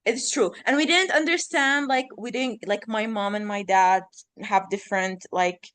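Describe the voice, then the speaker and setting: Her voice sits at a medium pitch, fairly bright, clear and resonant, moving at a moderate pace. She is a thirtyish Arabic-speaking woman from Iraq, guesting on a podcast and chatting casually, wandering off topic, filling gaps and revising herself as she goes.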